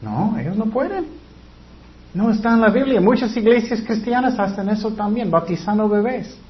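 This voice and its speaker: A man's voice: high voice, animated, normal speed. A man preaching a sermon in earnest, emphatic Spanish with some grammar slips, repeating his key points. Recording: dull lo-fi recording.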